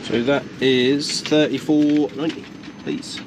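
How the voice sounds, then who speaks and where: A man's voice: medium pitch, fairly even intonation, unhurried. A man working as a mobile barista, chatting casually and chummily with customers in short colloquial remarks, recorded outdoors on a body-worn camera. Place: outdoor coffee van at a windy beach. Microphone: point-of-view action camera worn on the body. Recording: very noisy windy outdoor action-camera audio.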